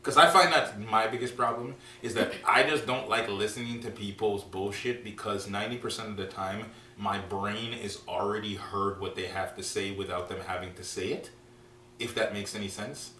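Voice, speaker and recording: A man co-hosting a casual podcast, talking bluntly and with lots of swearing, getting louder as he rants. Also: on the low side, steady tone, moderate pace. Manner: blunt, profane, heats up when ranting. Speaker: podcast co-host. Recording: echoey room, mic at a distance, faint hum.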